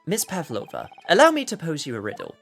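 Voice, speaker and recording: A man's voice: fairly high pitch, huge pitch swings, fast talker, fairly bright tone, faint music behind, voice pushed up, heavily acted. A man voicing an eccentric, inquisitive detective in a video game, with pompous, theatrical phrasing. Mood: probing, theatrical. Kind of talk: video game voice-over read aloud.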